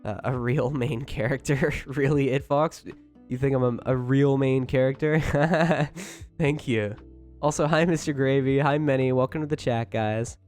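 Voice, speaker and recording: This livestream host's voice is medium in pitch, steady, a little slow and darkish in tone. He keeps talking to his chat, rambling, chatty and informal with swearing, while music plays in the background.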